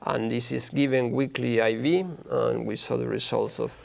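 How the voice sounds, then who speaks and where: Gravelly, halting man reviewing medical research. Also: medium pitch, level tone. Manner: halting, searching for words. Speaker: medical expert presenter. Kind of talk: expert conference review with discussion.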